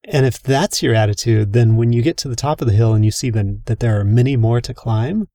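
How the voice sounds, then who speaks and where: A man co-hosts a casual podcast and talks through an idea in a thoughtful, reflective way. His voice is mellow and dark at a middle pitch. The recording is dry and close. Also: fairly quick, no room sound. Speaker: podcast co-host.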